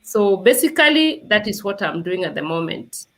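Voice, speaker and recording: A woman's voice: mid-range voice, big pitch swings, moderate pace. A woman in her thirties from Kenya, with a Kenyan accent, chatting as an interview guest about her nursing work and immigration advice, with many fillers. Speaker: guest, nurse and immigration adviser. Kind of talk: conversational interview.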